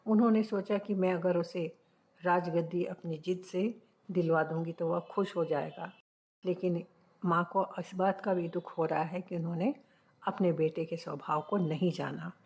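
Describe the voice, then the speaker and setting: A woman's voice: on the low side, fairly even intonation, moderate pace, a little mellow. A middle-aged woman teacher explaining a poem to students, reading verse lines with emphasis and then paraphrasing them plainly. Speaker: Hindi literature teacher.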